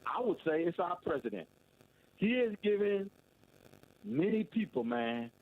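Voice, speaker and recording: A man co-hosting a radio talk show, speaking in a measured, reflective way and often saying "man". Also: a little high. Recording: tinny phone-line audio.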